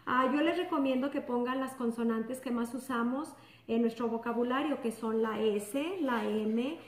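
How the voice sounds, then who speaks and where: High-voiced woman preschool teacher in an echoey room. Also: moderate pace, far from the mic. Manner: friendly, explains step by step, checks in with "ok?". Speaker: pre-kindergarten teacher. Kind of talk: instructional video for parents.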